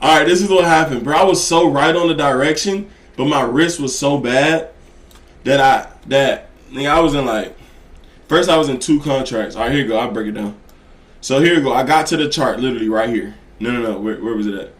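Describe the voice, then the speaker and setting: Brisk and mid-range in pitch, this man's voice sounds roomy as he teaches day trading. As a trading educator he's blunt, slangy, and profane in a casual way, frequently checking if you get what he's saying.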